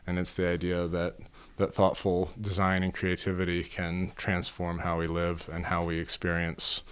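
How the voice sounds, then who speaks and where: A man answering interview questions earnestly, halting and restarting often. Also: deep voice, completely flat delivery, fairly bright tone, clear, resonant tone. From Phoenix, Arizona. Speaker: house owner, interviewee.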